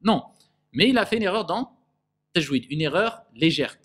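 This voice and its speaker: A man with a fairly high voice teaches a recitation class. He sounds out syllables slowly and repeats them, then fires questions at the students. His recitation has a nasal edge. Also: expressive, fairly bright tone, husky. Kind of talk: classroom tajwid lesson.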